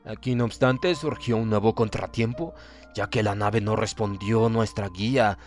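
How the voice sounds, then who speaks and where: A man with a fairly low voice reads a horror story aloud at normal speed, delivering dramatic, scripted audiobook narration over background music.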